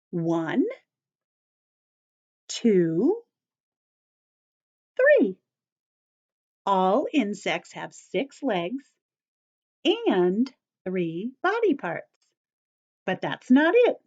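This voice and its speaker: In lo-fi sound, a teacher with a medium-pitched, slightly mellow voice explains a story-time lesson to little kids. She talks in plain, deliberate phrases and repeats the important points.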